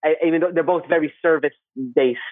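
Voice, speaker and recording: A Saudi social worker appears as a guest on a casual podcast, telling personal stories in a mid-pitched voice. He rambles and halts, repeating words and phrases and often tagging on "right?" The recording is dry with no echo and sounds slightly dull.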